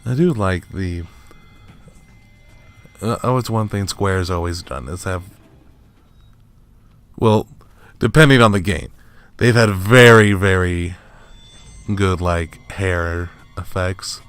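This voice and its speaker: A man's voice: low voice, takes it slowly, pauses often, a bit bright, clear, resonant tone. A man hosting a let's play, giving casual, rambling commentary over the game with chuckling asides and frequent restarts. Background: faint game music and sounds.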